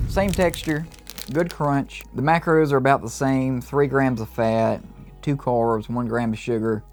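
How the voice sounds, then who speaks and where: A man giving an enthusiastic, casual review of low-carb snacks, reacting as he tastes them. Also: darkish tone. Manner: upbeat, enthusiastic tasting reactions. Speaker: food reviewer. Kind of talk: casual product review vlog.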